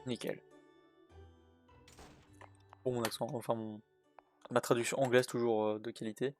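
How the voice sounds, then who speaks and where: A man's voice: medium pitch, level tone, moderate pace. A man commenting on a horror game as he plays, translating its text aloud with many fillers and restarts. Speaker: gaming youtuber. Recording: faint game music behind.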